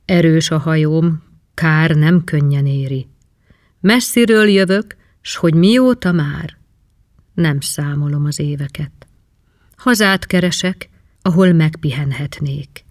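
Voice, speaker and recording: Guy doing a weary cursed sailor, slow brooding murmur, dry close sound. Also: on the high side, no echo, natural voice. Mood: solemn. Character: gaunt, weary, cursed male sea wanderer.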